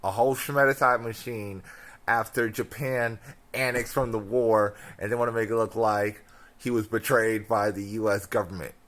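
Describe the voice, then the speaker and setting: A man's voice: on the low side, steady tone, moderate pace, fairly bright tone. A young American man who sounds drunk, on a casual, slangy, incredulous rant, repeating himself and stumbling over his words. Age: young adult. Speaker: film ranter.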